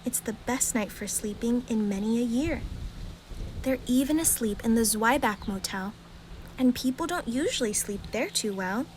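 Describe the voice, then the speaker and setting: A woman reads a rhyming children's bedtime story aloud in a calm, gentle, expressive storytelling way. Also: fairly high pitch, normal speed, a little hiss or hum.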